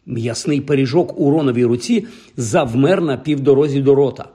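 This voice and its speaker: A man reading a story aloud as an audiobook narrator, calm and even. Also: mid-range voice, normal speed, slightly rough. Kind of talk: audiobook reading with character voices.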